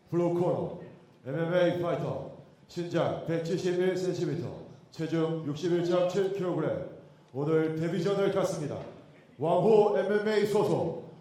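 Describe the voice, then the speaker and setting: A man announcing fighters into the cage with booming, drawn-out name calls. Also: warm tone. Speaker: ring announcer. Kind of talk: fighter introductions. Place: arena. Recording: echoey arena from far off.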